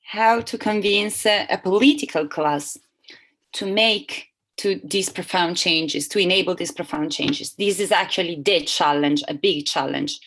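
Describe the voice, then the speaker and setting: Halting woman interpreting a seminar live. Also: fairly low pitch, fairly bright tone, low-quality recording. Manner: halting, with frequent restarts and self-corrections. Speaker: simultaneous interpreter.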